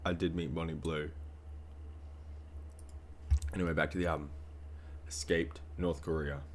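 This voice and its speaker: A man's voice: very deep voice, flat delivery, measured pace, slight background noise. A man streamer reacting to music, talking in a rambling, casual way with many fillers.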